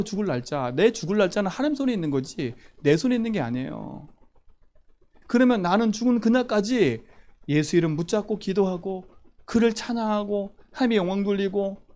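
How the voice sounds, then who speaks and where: A man delivers a sermon in a church. His voice sits high and leaps up and down in pitch. He hammers key phrases and keeps asking the listeners questions. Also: darkish tone. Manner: emphatic, repeats key phrases, asks the congregation questions. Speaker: pastor.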